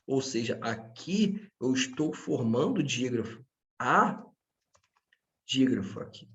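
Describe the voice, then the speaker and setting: A man's voice: medium pitch, lively intonation, slow, a bit bright, lo-fi sound. Patient man teaching a lesson. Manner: patient, checks in often with 'tá?'; speaks to his students directly. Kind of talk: online grammar lesson.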